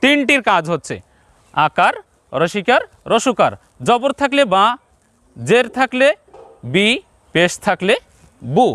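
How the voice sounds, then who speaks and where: A male Quran teacher with a Bangladeshi Bengali accent leads a step-by-step reading lesson, repeating each point slowly and addressing viewers directly. His voice is high-pitched and fairly bright, with big pitch swings, in a dry recording.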